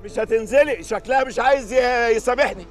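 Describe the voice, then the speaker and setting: A man's voice: extremely high pitch, quick pace. A man with an Egyptian accent, hosting a prank show, coaxing and soothing a frightened guest. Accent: Egyptian Arabic.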